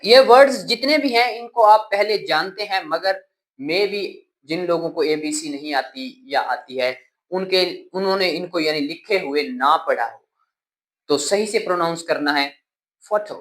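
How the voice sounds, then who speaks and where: Slow-speaking male teacher drilling words. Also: fairly high pitch. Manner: repeats each word three times, loud and emphatic on drill words. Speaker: English teacher. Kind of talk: spoken English lesson with repetition drills.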